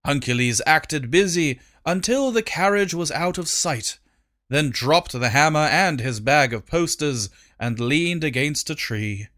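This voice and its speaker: A man narrating a comic storybook in an expressive, playful way. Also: on the high side, a little slow. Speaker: audiobook narrator.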